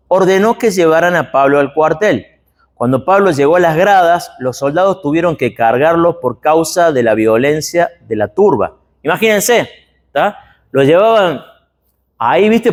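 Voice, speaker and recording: A man with an Argentine Spanish accent preaching an expository sermon in a church, chatty and asking his listeners rhetorical questions. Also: a little high. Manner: conversational, asks the congregation rhetorical questions.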